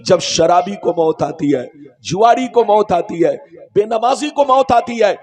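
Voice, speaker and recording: A male preacher with a high, ringing voice declaims a sermon in hammering refrains. He rouses his listeners, breaking into shouts and chanted phrases. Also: lively intonation. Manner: declamatory, repetitive, crowd-rousing, bursts into shouts and chant. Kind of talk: Urdu religious sermon.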